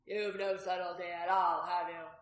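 A woman reading the part of a sly, prosperous, graying male innkeeper who talks loudly and teasingly, in a storybook reading. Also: on the low side, level tone, normal speed, close to an everyday voice. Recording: roomy echo.

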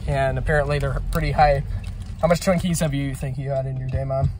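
A man's voice: mid-range voice, fairly even intonation, a little fast, darkish tone, faint music behind. Chatty young guy vlogging from a car. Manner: chatty and offhand, with fillers. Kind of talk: casual vlog chat. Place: car and outdoors. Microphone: handheld phone camera. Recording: phone recording with car and street noise.

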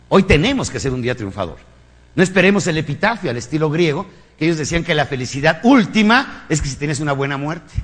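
A man with a Mexican accent lecturing an audience in a motivational talk, his voice sitting a little high for a man. He preaches emphatically, firing off rhetorical questions and crude jokes. The sound rings with the long reverb of a large hall. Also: slightly rough. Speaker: motivational speaker.

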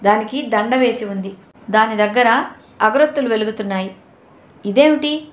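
A woman narrating a novel in a steady, measured storytelling manner. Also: fairly high pitch. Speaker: audiobook narrator. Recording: roomy echo.

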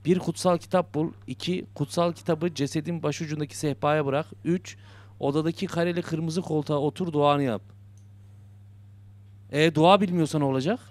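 Playing a horror game, a young gaming YouTuber cracks jokes and mutters to himself, then yelps when something makes him jump. His voice sits a little high, with fairly even intonation and a moderate pace.

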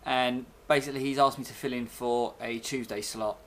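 A young man rambles casually for his video blog from a small bedroom, recorded on a webcam mic at his desk about arm's length away. His mid-range voice is a bit bright and steady in tone, at normal speed, with slight background noise.

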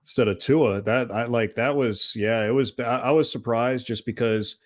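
A man's voice: mid-range voice, fairly even intonation, moderate pace. A man co-hosting a casual sports podcast, giving analysis with a wry, joking edge. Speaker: co-host.

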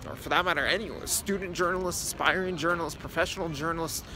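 Speaking quickly in a fairly high voice with fairly even intonation, a young vlogger narrates a laid-back tour of a city square at dusk. He holds his phone camera at arm's length as he walks, and background noise can be heard.

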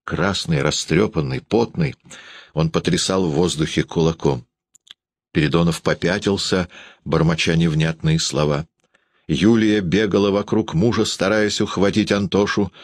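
A man narrating a classic novel as an audiobook, in an expressive, measured way. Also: sits low, no room sound.

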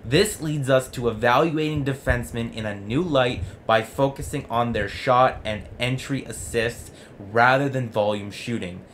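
A young man gives conversational sports commentary, arguing with himself as he explains his point. His voice is mid-pitched and earnest. There is some noise in the room around him. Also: moderate pace, hardly any pauses, a bit bright. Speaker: sports vlog host. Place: small home room with jerseys on the wall.

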